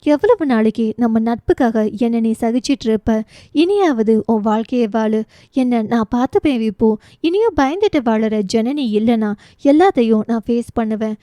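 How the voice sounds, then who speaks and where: A woman's voice: on the high side, animated, moderate pace, mellow, dry recording, lightly acted. A woman voicing a teasing, resolute young woman who is a loyal friend, in a romance audio novel. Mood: earnest.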